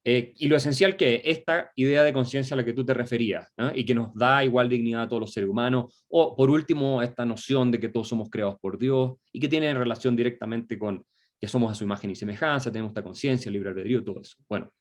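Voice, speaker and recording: A man's voice: mid-range voice, quick pace. A man, a guest explaining ideas at length in a political discussion, with frequent hesitations and tag questions. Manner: lecturing, many filler "eh" and tag questions. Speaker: guest commentator.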